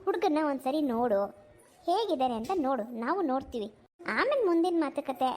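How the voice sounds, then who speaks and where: A woman's voice: sits high, big pitch swings, fairly quick, pitched below the performer's own voice. A woman voicing an anxious village mother who coaxes her daughter in a cartoon. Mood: coaxing. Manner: coaxing, scolding. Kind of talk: cartoon voice acting.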